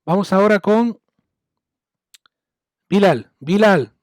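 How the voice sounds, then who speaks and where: Brisk male teacher, raised pitch, dry sound, drills students patiently. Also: animated, darkish tone, no room sound. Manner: brisk, corrects and explains patiently. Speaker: English teacher. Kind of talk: online class, drilling students.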